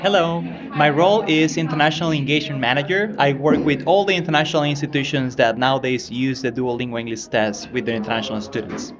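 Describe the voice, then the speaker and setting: A man from Venezuela being interviewed as a guest, talking in a relaxed way with many fillers. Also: medium pitch, fast talker, hardly any pauses, dull audio. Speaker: guest, education company manager. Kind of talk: conversational interview. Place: busy conference floor. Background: crowd chatter.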